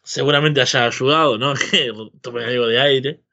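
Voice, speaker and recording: A man with a Rioplatense Spanish accent talks casually as a podcast host. His tone is sharp and bright at a medium pitch, and he rambles, checking for agreement as he goes. The microphone sounds a little lo-fi. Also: steady tone, normal speed, gravelly. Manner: rambling, seeking agreement with frequent tag questions. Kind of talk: casual opinionated chat about wrestling.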